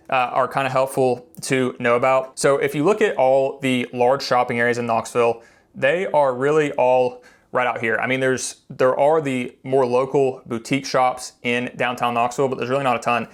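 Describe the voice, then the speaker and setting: A man from Tennessee talks through information in a casual, explanatory style. His pitch sits in the middle range for a man. He sounds like a local property guide, conversational and pointing things out as he goes. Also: fairly bright tone. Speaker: local real estate video presenter.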